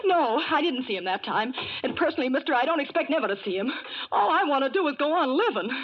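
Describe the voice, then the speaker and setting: A woman's voice: high-pitched, very animated, fast talker. A woman acting a brash, slangy young hitchhiker in a 1940s radio drama, with a breezy, blunt, wisecracking manner. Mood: alarmed, indignant. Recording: noisy, dull old 1940s radio recording.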